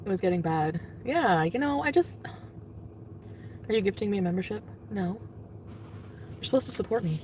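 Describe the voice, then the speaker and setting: A woman rambles to her viewers in a casual vlog and live-stream chat, laughing often and using lots of fillers; she's the vlogger in a clip being reacted to. Her mid-range voice is lively and a little mellow at normal speed, with frequent pauses, and the clip audio is distant and noisy.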